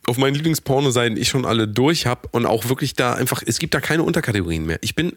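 A man's voice: mid-range voice, animated, quick pace, no room sound, clean studio sound. A young man co-hosting a podcast, rambling and joking in a casual chat with playful mock outrage. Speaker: podcast co-host.

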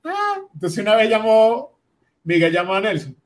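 A man's voice: sits high, normal speed. A man with a Venezuelan accent teasing friends and telling playful stories in a casual chat. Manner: playful teasing, lively storyteller.

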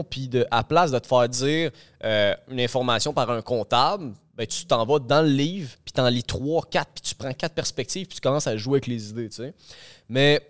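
A man's voice: medium pitch, no echo. Québécois guy on a podcast, argues his point, lots of "là" and "ok", dry mic. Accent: Québécois French. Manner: argumentative, loose, full of fillers like "là" and "ok". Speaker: podcast co-host. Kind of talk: casual podcast discussion.

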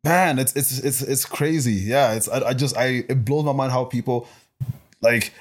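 A man talking as a guest on a podcast, a personal trainer who speaks in an animated way, full of fillers and acted-out quotes. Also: medium pitch, moderate pace. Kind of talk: casual podcast conversation.

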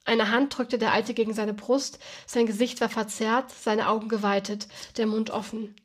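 A woman reads a novel aloud and explains the story in between in a relaxed, casual way. Her voice sits a little high and has a husky, breathy quality. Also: normal speed. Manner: relaxed, with many ums when talking freely.

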